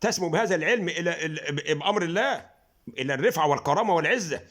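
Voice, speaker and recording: Egyptian male recitation teacher, high-pitched and quick, informal lesson, coaxing tone. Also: animated, a bit bright. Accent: Egyptian Arabic. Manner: coaxing, repeats "تمام؟" often, slows down to demonstrate letters and recite verses. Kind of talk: informal lesson on Quran pronunciation.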